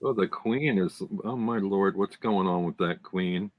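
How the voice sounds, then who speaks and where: A man's voice: deep voice, a little slow, narrow, tinny audio, a little hiss or hum. A man co-hosting a casual live-stream chat, talking enthusiastically and describing details over a video call. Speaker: tarot deck reviewer, co-host.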